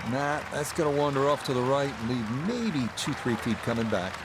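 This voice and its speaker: A man commentating on golf in a measured, descriptive announcer's delivery. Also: medium pitch, crowd noise, background noise.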